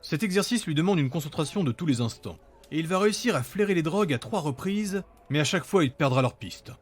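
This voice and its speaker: A man's voice: a little high, animated, fast, breathy edge. A man reading scripted narration for a fantasy audio story.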